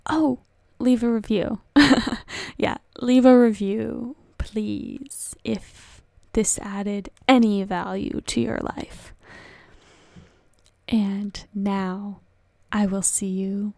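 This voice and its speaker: Calm, slow-talking woman podcast host. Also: medium pitch, gravelly, no echo, studio quality. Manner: calm, unhurried, self-aware. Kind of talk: solo podcast talk.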